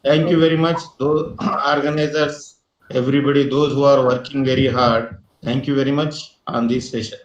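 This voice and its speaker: A man's voice: medium pitch, level tone, normal speed, highs cut off. A man who is an associate dean introduces himself on a video call and repeats his thanks courteously. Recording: echoey video call audio.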